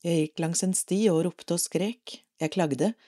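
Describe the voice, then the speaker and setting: Low, mellow-voiced Norwegian woman reading. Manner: calm, measured, even reading. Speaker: reader of an audio parish magazine. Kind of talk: scripted reading of a devotional article.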